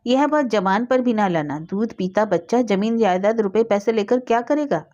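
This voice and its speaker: A woman's voice: medium pitch, moderate pace, darkish tone, muffled recording, natural voice. A woman voicing a devoted young wife who speaks in a pleading, earnest way. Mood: indignant.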